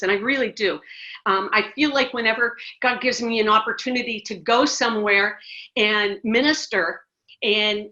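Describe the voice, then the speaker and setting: A middle-aged ministry director from the U.S. is interviewed casually, making her points with emphasis and plenty of restarts. Her voice is a little high, pushed, and bright, and the sound quality is muffled and lo-fi.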